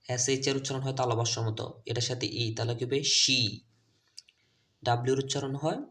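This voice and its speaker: A man teaching English letter sounds to children's teachers and parents. His first language is Bengali. He spells out the letters and repeats each word slowly. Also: mid-range voice, flat delivery. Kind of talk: phonics lesson video.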